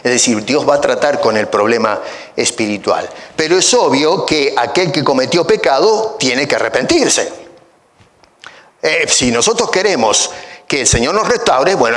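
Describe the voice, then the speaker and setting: Animated preacher with lively rising pitch. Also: male voice. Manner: animated preaching with rhetorical questions and asides; emphatic rises on key phrases. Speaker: pastor. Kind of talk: expository sermon.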